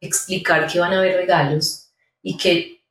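A woman, a pedagogue guest giving calm, step-by-step parenting advice in conversation. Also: fairly low pitch, unhurried. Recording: roomy sound, mic at a distance.

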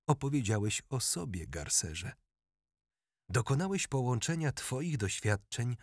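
Man reading a calm, dignified king. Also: mid-range voice, slightly rough, dry recording, clean studio sound, voice pushed up. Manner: slow, measured, precise. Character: calm dignified gentle old king, philosophical.

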